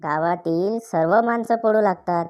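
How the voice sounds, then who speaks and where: A woman reading a string of short jokes aloud in a slow, measured storytelling way. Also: on the low side, a little mellow. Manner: slow, measured storytelling with canned laughter breaks. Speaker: joke narrator.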